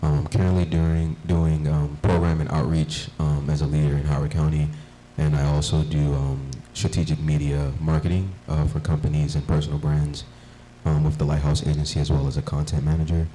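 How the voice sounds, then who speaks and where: Young guy on a panel, super deep and flat, lots of ums, a bit of noise behind. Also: a little fast, rough recording. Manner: hesitant, many fillers. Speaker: panelist, community leader. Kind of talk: panel discussion.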